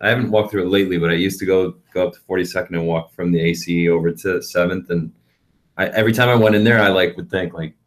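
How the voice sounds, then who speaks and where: Low-voiced man in casual rambling chat. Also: steady tone, fast. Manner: rambling, swears freely, many fillers. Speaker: podcast co-host. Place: home studio on webcam.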